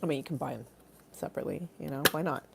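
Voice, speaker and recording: A woman with a low, gravelly voice races through a rambling comic livestream, quirky, giggly and bawdy, theatrically wandering off into asides. The audio is very noisy.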